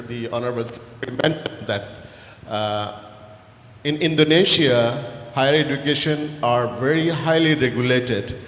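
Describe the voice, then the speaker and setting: A man's voice: mid-range voice, a bit bright. A man, a university founder, earnestly pressing a panel with a question at a conference. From Bangladesh. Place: large conference hall. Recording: echoey hall with long reverb, faint room noise.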